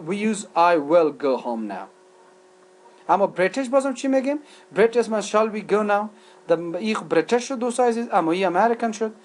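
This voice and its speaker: A man with an Afghan accent, a native Dari speaker, lecturing on English grammar. He switches between Dari and English and asks questions, then answers them himself. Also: sits high. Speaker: English teacher. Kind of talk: recorded lecture.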